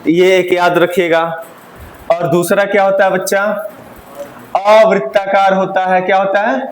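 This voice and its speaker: High-voiced male teacher drilling a class. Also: flat delivery, measured pace, a little hiss or hum. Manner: repeats questions to the class and has them answer back. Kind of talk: classroom Hindi lesson. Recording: roomy classroom echo.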